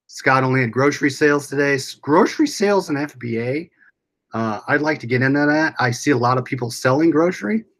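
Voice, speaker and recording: A man's voice: mid-range voice, a bit bright. An American man hosting a casual livestream, rambling along as he reads and answers viewers' comments aloud. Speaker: livestream host.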